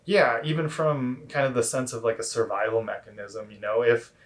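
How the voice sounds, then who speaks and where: A man giving casual, instructional explanations as a coach, in a halting, hedging way. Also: mid-range voice, fairly even intonation. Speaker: cold plunge coach.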